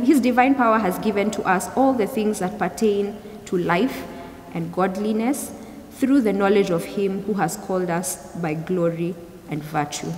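A young adult woman giving a youth service sermon in a measured, explanatory way, often rephrasing as she goes. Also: mid-range voice, darkish tone. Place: large church hall, indoors. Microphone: gooseneck pulpit microphone. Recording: echoey hall, clear background noise.

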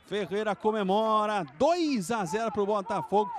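A Brazilian man giving excited live play-by-play football commentary, exclaiming and stretching out his big calls. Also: sits high. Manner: exclamatory, with drawn-out shouted calls.

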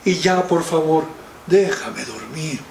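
A man's voice: on the high side, expressive, slow, gravelly, a little mellow, a little hiss or hum, exaggerated voice. A man voicing a grumpy, sleepy dragon who whines about being woken, told as a children's story. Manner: whiny, exasperated complaining. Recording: roomy, distant mic.

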